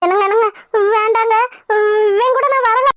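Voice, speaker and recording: A woman's voice: very high-pitched, fairly even intonation, moderate pace, a bit bright, no room sound, clean studio sound. Woman voicing a whiny young cartoon wife. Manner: whiny, pleading. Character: scheming young wife faking chest pain. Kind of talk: cartoon voice acting.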